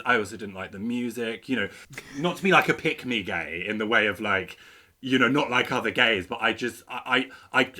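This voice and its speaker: A man's voice: on the low side, pushed and bright. A man, co-hosting a podcast and talking candidly about his past, with frequent hesitations. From East London, England. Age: late 30s. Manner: candid, reflective, hesitant with many fillers. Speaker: podcast co-host. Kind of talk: casual chat.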